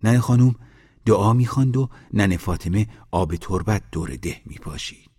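A male storyteller reads a folk tale aloud in a steady, measured way. His voice sits somewhat low and carries a husky, breathy grain. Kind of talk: scripted narration of a folk tale.

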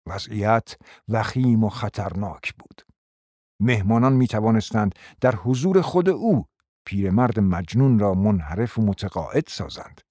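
Man reading a novel aloud, expressive, lively melody, dry close sound. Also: fairly low pitch, dry recording. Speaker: audiobook narrator. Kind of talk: scripted narration of a novel.

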